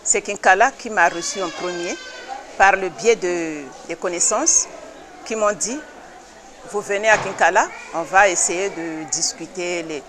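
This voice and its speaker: A woman from the Republic of the Congo, president of an association, answering interview questions earnestly and insistently, with hesitant pauses. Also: lowish voice, noisy background.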